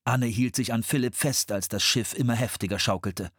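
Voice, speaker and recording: A man narrating a children's adventure audiobook in an expressive storytelling manner, recorded on a close studio mic. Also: medium pitch, normal speed, breathy edge, dry recording.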